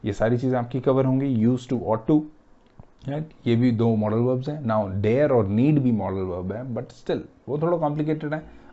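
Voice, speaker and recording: A man's voice: mid-range voice, warm tone, dull audio. A male teacher gives an explanatory English grammar lecture in Hindi mixed with English, and often checks in with "right?".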